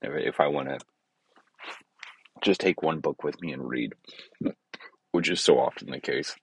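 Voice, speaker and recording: A man's voice: very deep voice, measured pace, gravelly, a bit bright, slight background noise. A man hosting his own podcast, talking in a meandering, hesitant way with many fillers and self-corrections. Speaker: podcast host. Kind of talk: rambling casual monologue.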